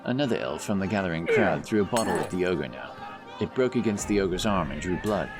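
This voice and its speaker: Loud music and outdoor sound effects surround a deep-voiced man as he narrates a scripted fantasy audiobook, his storytelling brisk and lively in intonation.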